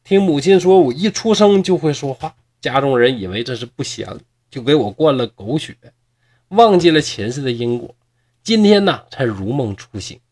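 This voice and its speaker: Guy reading a teen girl, teary and soft, husky storybook voice. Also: medium pitch, animated, moderate pace, lightly acted. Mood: tearful. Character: reborn teenage girl, tearful and wondering.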